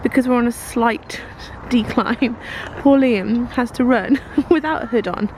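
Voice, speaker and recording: A heavily pregnant young woman vlogs in a chatty, giggly, self-mocking way, sounding tired and a little out of breath. Her voice sits fairly high. The handheld camera picks up a clear wash of outdoor noise behind her. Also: unhurried, a little mellow, rough recording. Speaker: vlogger. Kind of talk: casual vlog chat. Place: outdoors on a rainy walk and at home.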